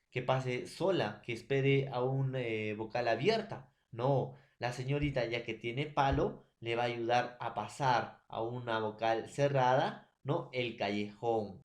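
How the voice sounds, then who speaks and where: Male teacher, Peruvian accent, patient explainer who keeps asking if the class follows, mid-pitched. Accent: Peruvian Spanish. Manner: explains slowly with a homely story, checks in with questions. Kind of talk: recorded classroom lesson.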